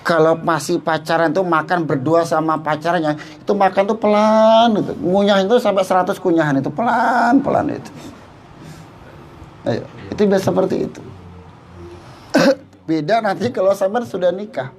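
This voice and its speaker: A man preaches in a joking, conversational way, speaking to the listeners as if they were friends. His voice sits high for a man. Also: normal speed. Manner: jokey, addresses listeners directly, mixes in Javanese phrases. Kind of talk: humorous religious talk.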